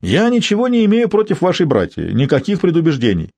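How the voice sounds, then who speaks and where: A man's voice: a little high, wildly swooping pitch, fast talker, dark tone, dry recording, pitched above the performer's own voice, heavily acted. A man reading the part of a blunt, tactless middle-aged man with a coarse, needling manner. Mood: smug.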